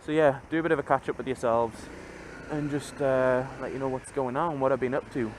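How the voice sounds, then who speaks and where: Loud wind, engine and road noise surround a man riding a motorbike and rambling casually like a vlogger. The helmet mic makes his medium-pitched voice sound muffled and enclosed. He keeps a steady tone and talks fairly quickly.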